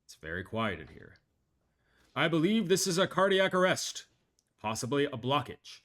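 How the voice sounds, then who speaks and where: A man voicing a male airline captain who makes a formal, measured announcement over the cabin intercom. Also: fairly high pitch, very animated, a bit bright, voice pushed up. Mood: grave, steady. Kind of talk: improvised comedy bit.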